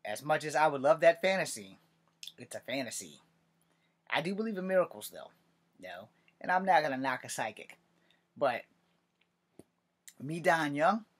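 Husky man, wry webcam monologue. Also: fairly high pitch, expressive, normal speed, pauses often. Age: 40s. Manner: wry, sarcastic, swears. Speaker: vlogger. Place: cluttered bedroom, indoors. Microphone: webcam at desk distance.

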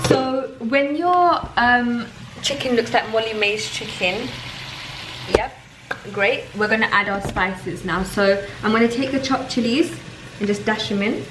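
A woman's voice: fairly high pitch, distant mic, noisy background. A young woman, chatting to viewers while she cooks in a home kitchen. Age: young adult. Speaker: vlogger. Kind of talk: casual cooking vlog. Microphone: camera mic on the counter. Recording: echoey kitchen, voice off-mic, music behind.

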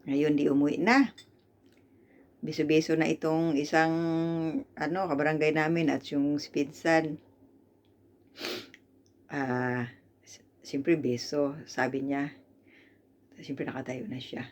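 A woman from the Philippines working in Hong Kong, retelling in an aggrieved, animated way how an acquaintance insulted her. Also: low-pitched, slow, pauses often. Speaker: domestic helper vlogger. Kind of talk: storytelling vlog.

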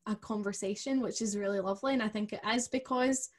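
Scottish girl in her 20s hosting a chatty interview, medium pitch, close mic. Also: fast talker. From Scotland. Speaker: interviewer and host. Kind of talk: casual conversational interview. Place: small home studio room. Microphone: microphone on boom arm, close.

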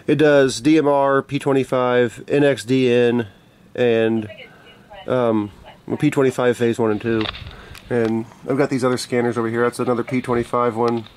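Casual man, mid-pitched, offhand delivery. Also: flat delivery, moderate pace, darkish tone, smooth. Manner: informal, unscripted, offhand. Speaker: hobbyist video maker. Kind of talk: casual product show-and-tell. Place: small bedroom, indoors.

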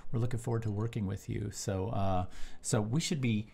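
A man's voice: fairly low pitch, fairly even intonation, brisk, vocal fry, warm tone, husky. A man co-hosting a live-streamed art chat show, talking casually and telling easygoing stories. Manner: chatty, storytelling, easygoing. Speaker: co-host.

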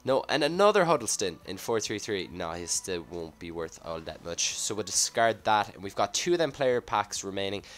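A man with a low voice, a little husky from a cold, commentates live on a game pack opening. He talks casually, reacting offhand to each item as it shows up. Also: very animated, normal speed, few pauses, fairly bright tone. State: slightly sick, husky off voice from a cough. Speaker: gaming video host.

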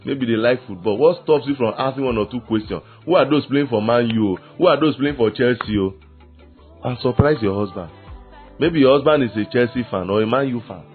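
A man, preaching a lively sermon on marriage and slipping into acted quotes of husbands and wives. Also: mid-range voice, brisk. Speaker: pastor. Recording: tinny phone-like sound with faint music.

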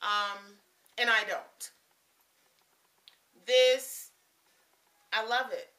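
A woman in her thirties from the southern United States gushes through a casual product review vlog, talking slowly with lots of ums. Her voice is very bright and sits a little high, and she sounds a bit distant from the mic. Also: fairly even intonation. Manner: chatty and emphatic, with frequent ums. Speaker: beauty vlogger reviewing hair products.

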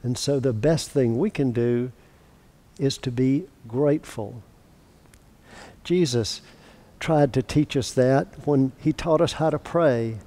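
A man reading a picture book aloud for a church storytime, then giving a short lesson, in a gentle, deliberate way. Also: mid-range voice.

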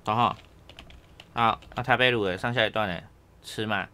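A man's voice: on the low side, normal speed, sharp tone. A man teaching Japanese grammar one-on-one, casually checking understanding with tag questions.

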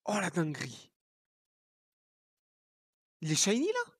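A man recording a gaming reaction video, exclaiming loudly, swearing often and repeating his exclamations. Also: high voice, huge pitch swings, slow pace, breathy edge. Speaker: gaming YouTuber. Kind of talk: excited reaction video commentary.

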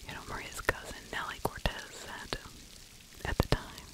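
Whispering softly and breathily with no voiced tone, a middle-aged woman narrates true crime ASMR at normal speed, right up against a close mic fitted with a furry windscreen. She sounds conversational and opinionated, offering her own take on the story from a small indoor room.

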